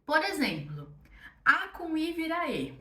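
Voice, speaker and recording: Speaking with a Brazilian Portuguese accent, a young female French teacher runs a casual online lesson, chatty and encouraging, frequently checking in with students. Her slightly high voice is very animated and sharp, at a measured pace. The mic is distant and the room echoes.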